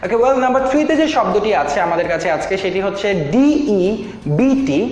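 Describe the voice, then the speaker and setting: A man's voice: high-pitched, expressive, brisk, darkish tone, highs cut off. A man with a Bangladeshi accent teaching English pronunciation, repeating each word over and over and mixing English into his Bengali. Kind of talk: spoken language lesson. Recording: echoey room with long reverb, faint music.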